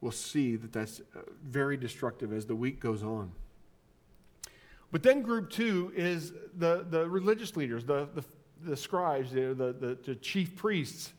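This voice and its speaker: A male pastor preaching a sermon in a conversational way, often restarting his sentences and acting out the quoted voices. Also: unhurried. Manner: acts out quoted voices with lively pitch swings.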